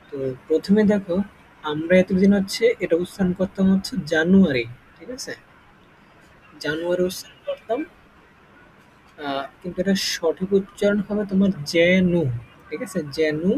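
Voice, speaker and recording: A man's voice: sits high, a little mellow, a little hiss or hum, low-quality recording. A man teaching English in a casual online lesson, explaining step by step and often checking whether the students follow.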